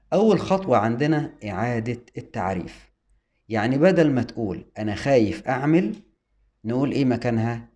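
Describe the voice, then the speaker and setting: A calm man with an Egyptian Arabic accent talks through a structured explainer, posing questions and answering them himself. His voice is mellow and dark, at an ordinary middle pitch. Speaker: host explaining OCD. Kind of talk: scripted explainer talk.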